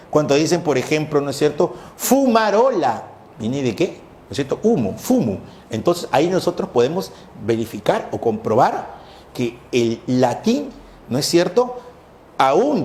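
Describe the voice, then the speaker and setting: Brief: male teacher lecturing slowly with a lively, rising-and-falling voice, in an echoey room. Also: a little high, slight background noise. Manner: explanatory, repeats "¿no es cierto?" and "eh" often. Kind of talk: classroom lecture.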